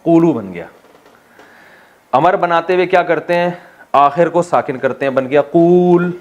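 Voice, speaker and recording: The audio is dull, but the Pakistani Islamic scholar's slightly high voice comes across as animated while he delivers a classroom lecture on Quran exegesis. He puts questions to his class, answers them on his own and jokes around with his students.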